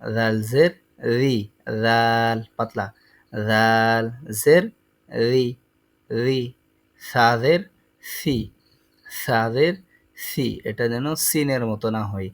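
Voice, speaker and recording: A man teaching Quran letter sounds, saying each letter and its vowel twice in a slow, deliberate drill. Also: mid-range voice, rough recording. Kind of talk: slow recitation lesson.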